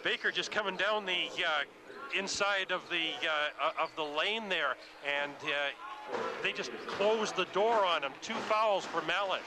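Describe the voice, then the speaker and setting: Color commentator, male, high-ish voice, halting analysis with fillers, noisy arena behind.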